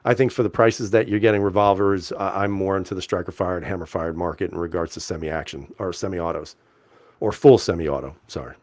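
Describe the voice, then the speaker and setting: Male streamer host, deep-ish relaxed voice, dry close mic, rambling casual chat. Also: fairly quick, no room sound. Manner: laid-back, chuckling, lots of fillers and restarts. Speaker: livestream host reading chat. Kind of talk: casual live-chat talk.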